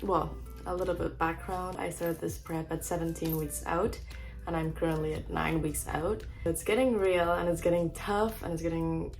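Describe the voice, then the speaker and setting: A woman's voice: on the low side, fairly even intonation, normal speed, gravelly, a little mellow, faint music behind. A young woman chatting casually to camera in a vlog, upbeat and full of "like" fillers. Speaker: fitness vlogger. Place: home, then gym.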